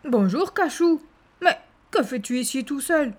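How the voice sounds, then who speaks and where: A woman voicing a kindly male newspaper seller, gentle and surprised, from farther off. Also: sits high, expressive, a little slow.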